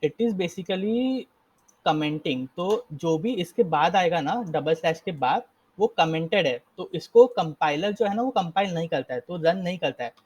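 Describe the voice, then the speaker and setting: A man's voice: high-pitched, animated, a little slow, a little mellow, breathy edge. A young man casually teaching a live coding lesson, explaining step by step and often correcting himself. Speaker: coding instructor.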